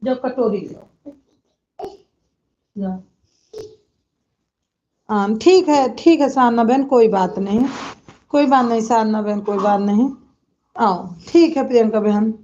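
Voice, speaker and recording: A woman's voice: fairly high pitch, slow, pauses often, warm tone, highs cut off. A woman hosting a casual live stream, chatting with viewers and scolding and soothing children in between.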